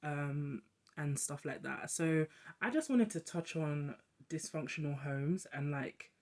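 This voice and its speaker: A young adult host speaking in a casual reflective monologue, talking quickly with many fillers and restarts. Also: mid-range voice, a little mellow.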